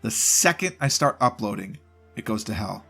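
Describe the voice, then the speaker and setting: Fairly low-pitched, gravelly, and husky, yet pushed and bright, this gaming channel host sounds animated at normal speed despite a cold and stuffed-up voice. Soft music plays behind him as he rambles loosely through a channel update on his home desk mic, voice only, cutting himself off.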